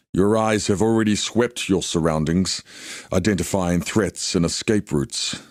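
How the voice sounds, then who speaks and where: Haku, deep solemn warrior. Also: male voice, darkish tone, no room sound, studio quality. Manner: solemn, measured, formal storytelling delivery. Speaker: video game character. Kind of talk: dramatic scripted game dialogue.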